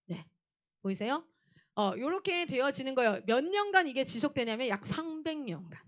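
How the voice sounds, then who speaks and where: Lively woman missionary preaching a sermon. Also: moderate pace. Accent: Gyeongsang dialect in places. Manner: acts out shouted scenes, then drops to a low earnest tone. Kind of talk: animated sermon with storytelling.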